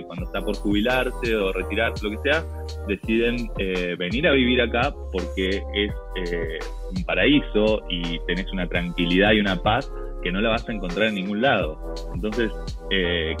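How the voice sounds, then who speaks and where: A deep-voiced Argentine man in his thirties talks on a video call from a small room. He chats loosely, with many fillers and restarts. Music plays clearly under his voice. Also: poor audio. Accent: Argentine Spanish. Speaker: interview guest, volleyball player. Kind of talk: casual interview over video call.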